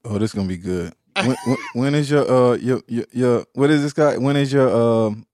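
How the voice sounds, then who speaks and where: A man's voice: mid-range voice, normal speed, a little mellow, dry recording, clean studio sound. Playful, stumbling male co-host. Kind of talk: casual interview chat.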